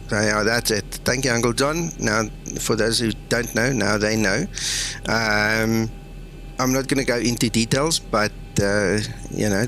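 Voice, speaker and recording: A man's voice: on the low side, vocal fry, fairly bright tone. A man from South Africa with an Afrikaans accent, chatting casually as the host of a flight sim livestream.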